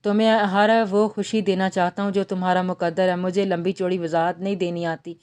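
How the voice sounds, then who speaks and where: A woman voicing an earnest, gentle young man courting the woman he loves in an audiobook novel reading. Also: on the low side, little pitch movement, clean tone, lightly acted. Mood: tender. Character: earnest young man in love, tender suitor.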